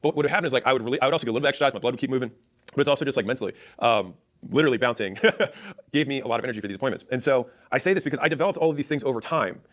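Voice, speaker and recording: A man telling his own story in an animated, chatty way, with quick self-mocking asides. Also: mid-range voice.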